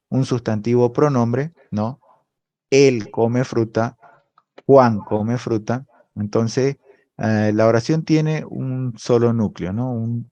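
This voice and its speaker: A mellow, mid-range male voice delivers a language lesson as an online class lecture over a video call. He explains things patiently and frequently checks in with a questioning "right?". The audio comes from a video call microphone.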